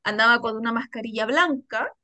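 Chilean woman, podcast co-host, high voice, rapid slangy storytelling, dry close sound. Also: no echo. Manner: animated, slangy, laughs often. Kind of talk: casual storytelling chat.

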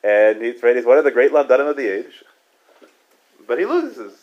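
A Torah teacher with a medium-pitched, sing-song voice teaches Talmud study informally over lo-fi sound. He attaches "right?" to many of his points, makes quick restarts, and chuckles now and then.

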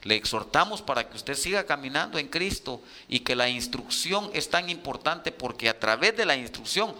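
A man hosting a religious program, earnestly urging his listeners and often pausing with fillers. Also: medium pitch, sing-song, bright, forceful tone, a little hiss or hum. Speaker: radio program host. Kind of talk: exhortation to listeners.

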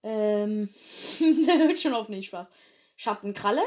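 Sitting in her bedroom, a woman who hosts a fan clan roleplay channel chats casually, giggly and rambling and laughing at her own mistakes. Her medium-pitched voice is animated, slow and a little mellow.

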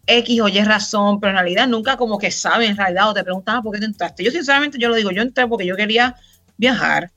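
A Puerto Rican woman in her thirties, guesting on a podcast, chats casually and at length in a relaxed, rambling way with many fillers. Her voice is mid-range and fast. The recording is slightly muffled, with faint music behind her.

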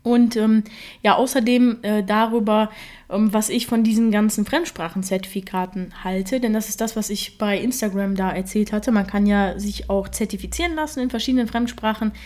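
A young woman hosts her own podcast in a casual solo format, talking with lots of fillers. She grew up in Germany with Russian as her first language, and her mid-range voice is a little mellow at a normal speed.

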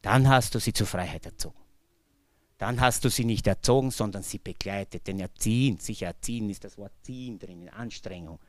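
A man with an Austrian accent giving an earnest personal testimony, his voice swinging between loud emphasis and hushed low tones. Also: normal speed, no room sound, studio quality. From Bucklige Welt, Lower Austria. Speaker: speaker from a faith-based recovery community. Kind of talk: personal testimony talk to an audience.

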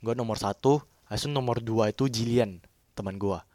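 A man's voice: lowish voice, fairly quick, darkish tone, dry recording. Young man rambling through a scary story. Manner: rambling, repeats himself. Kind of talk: casual horror storytelling.

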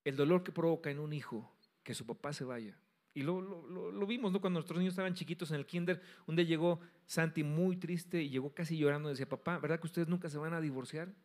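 A middle-aged man preaching a sermon as pastor, emphatic, swinging between loud stresses and soft drops. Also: a little high, fast.

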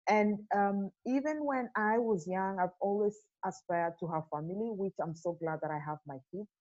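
A woman's voice: medium pitch, moderate pace, darkish tone. Earnest woman from Kenya on muffled audio. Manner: earnest, reflective with many fillers. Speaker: podcast guest. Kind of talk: casual interview.

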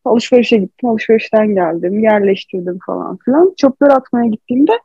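Candid female co-host, higher-pitched and breathy, dry dull recording. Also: animated, a little fast, dark tone, no echo. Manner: candid, emotional storytelling. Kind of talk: casual confessional chat.

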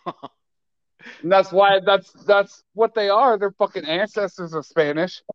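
A man talking as a podcast guest in casual crude banter, loud, yelling often and swearing constantly. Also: high voice, slow, dry recording, highs cut off.

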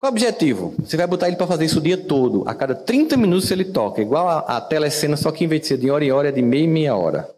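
A Brazilian man with a fairly high voice gives a reflective motivational talk. He chats with his listeners and keeps asking them questions. His voice trails off into a long, hall-like reverb. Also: big pitch swings, racing, few pauses, darkish tone. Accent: Brazilian Portuguese. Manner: conversational, asks listeners questions, wide swings in pitch. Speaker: podcast host and teacher.

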